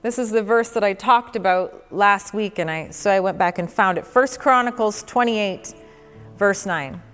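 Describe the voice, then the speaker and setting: A woman's voice: mid-range voice, normal speed, clean tone. A woman preacher delivering an emphatic, repetitive sermon in a church. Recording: reverberant hall with soft music.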